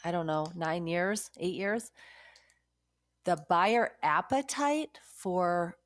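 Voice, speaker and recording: A woman's voice: lowish voice, slow. A woman podcast co-host chatting bluntly and casually, stuffed up with a cold and a blocked nose. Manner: blunt, swearing. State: sick with a cold. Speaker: podcast co-host, real estate agent.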